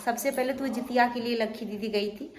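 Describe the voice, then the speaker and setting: A woman's voice: fairly high pitch, fairly even intonation, a little fast, reverberant. A young woman chatting casually to her viewers in a rambling family vlog at home. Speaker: family vlogger.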